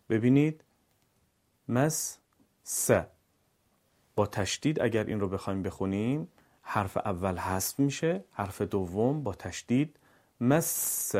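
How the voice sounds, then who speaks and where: A man with an Iranian Persian accent teaching Quran recitation. He explains calmly, then drills syllables and words slowly, loudly and drawn out. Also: medium pitch. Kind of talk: scripted lesson with slow drilled recitation.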